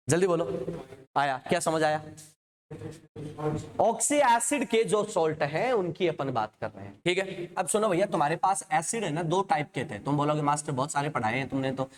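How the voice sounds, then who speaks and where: A man teaching chemistry, repeating questions to quiz his students. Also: a little high. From India. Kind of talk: classroom lecture.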